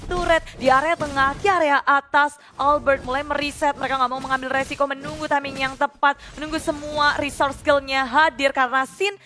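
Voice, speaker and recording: A high-voiced woman with an Indonesian accent casts an esports match. Her tone is bright and forceful, in an energetic game announcer style that mixes calls with analysis. Music plays behind her. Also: a little fast, few pauses. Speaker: esports co-caster.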